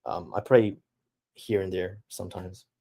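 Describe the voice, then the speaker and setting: Young guy, slightly low voice, halting and reflective as he reads and answers chat. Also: fairly even intonation, gravelly, mellow, breathy edge. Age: young adult. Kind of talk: casual chat.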